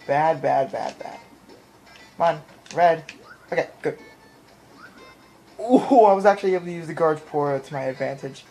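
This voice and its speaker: Pitched fairly high and speaking at a moderate pace with frequent pauses, this gamer gives excitable, casual let's play commentary, echoing his own phrases and imitating game sounds. He's at home indoors in front of a TV. The audio comes from a handheld camera or phone mic, with game music in the background.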